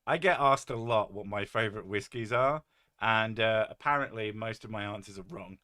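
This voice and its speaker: At a normal speed, this streamer host jokes and rambles casually on his home stream, letting the occasional curse slip. His voice is deep, boomy, bright, and forceful, slightly set back because the desk mic is mounted well above his head.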